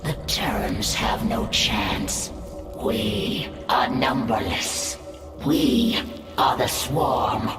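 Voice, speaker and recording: An actor playing a grave, proud insect alien swarm commander in a video game, speaking slowly with solemn menace. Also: male voice, mid-range voice, music in the background. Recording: very echoey, distant hall.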